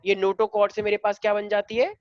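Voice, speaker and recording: A man's voice: sits high, level tone, moderate pace, no echo. A man teaching a class, mixing Hindi with English, asking students questions and calling them his dear children. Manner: mixes Hindi and English, quizzes students, affectionate. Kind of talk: classroom lecture. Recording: dull lo-fi dry sound.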